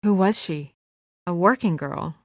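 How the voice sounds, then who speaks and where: A serious young woman voices an official in a video game, speaking in a lowish register with a very dry recording. She sounds businesslike yet anxious, earnest and guarded, growing hesitant under stress, and her measured, naturalistic delivery carries a tense, matter-of-fact mood.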